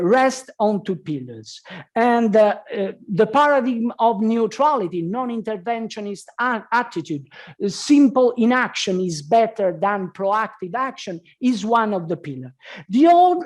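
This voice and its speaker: Slow, halting woman presenter. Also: mid-range voice. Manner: halting, many hesitations. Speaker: conference speaker. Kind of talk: academic presentation.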